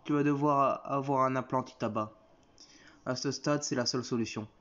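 A man's voice: medium pitch, steady tone, a little fast, a bit bright, lightly acted. A man voicing a bossy, sarcastic middle-aged wife who scolds her husband, on a dull lo-fi recording. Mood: grave.

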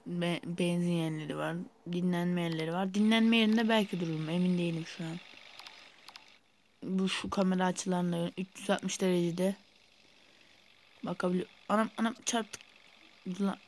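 A man's voice: high-pitched, level tone, normal speed, pauses often, a little mellow, slight background noise. A young man giving casual, rambling gameplay commentary while sleepy, with sudden startled outbursts. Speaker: gaming YouTuber.

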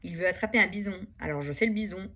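A woman's voice: fairly low pitch, fast, a bit bright, slight background noise. Woman doing a doubtful sighing friend. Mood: skeptical. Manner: skeptical.

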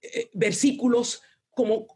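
A woman's voice: on the high side, slow pace, dark tone, husky. A woman giving an earnest, conversational devotional talk, acting out prayers with many restarts.

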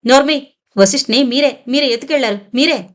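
A woman's voice: high-pitched, fairly quick, close to an everyday voice. A woman voicing a young mother who screams hysterically at the people she blames for taking her son. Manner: hysterical shouting. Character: frantic young mother shrieking at kidnappers.

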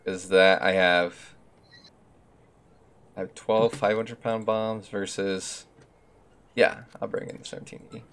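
A man's voice: sits low, steady tone, takes it slowly, long pauses, fairly bright tone, clear, resonant tone. A man streaming a tank game, chatting casually with a friend and muttering to himself as he picks his gear. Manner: laid-back, mutters to himself while picking gear. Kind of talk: casual gaming chat.

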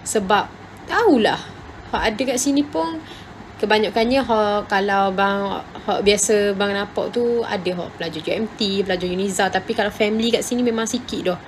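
A woman's voice: mid-range voice, slight background noise, poor audio. Casual young woman. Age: young adult. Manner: casual, laughing, addresses the viewer as "bang". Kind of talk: casual selfie video. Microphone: phone at arm's length.

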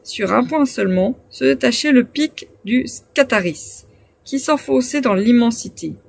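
A woman reading a classic adventure novel aloud as an audiobook narrator, in a measured, phrase-by-phrase delivery. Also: a little high. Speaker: audiobook reader.

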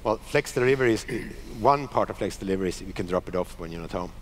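Executive panelist, middle-aged man, deep, confident, headset mic. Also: animated, fast talker, slight background noise. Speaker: panelist, company chief. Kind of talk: panel discussion. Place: conference stage.

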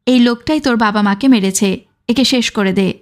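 A woman's voice: fairly high pitch, normal speed, darkish tone, natural voice. A woman narrator voicing a hardened, vengeful young male freedom fighter who speaks curtly and gives commands. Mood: grim. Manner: curt, commanding.

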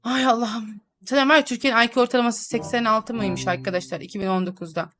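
A woman's voice: fairly high pitch, steady tone, quick pace, fairly bright tone. A young woman chatting and teasing through a role-play game, laughing often as she comments. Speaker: gaming YouTuber.

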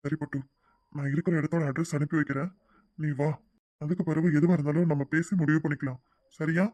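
A performer with a Tirunelveli Tamil accent gives a coaxing, sweet-talking cartoon performance as a scheming male lover angling for cash. The mid-range voice moves a little fast and stays close to an everyday speaking voice, recorded dry.

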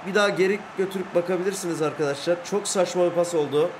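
A young man from Turkey giving excitable live commentary over a football video game, swinging between low groans and shouting over the plays. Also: fast talker, noisy background. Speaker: gaming YouTuber.

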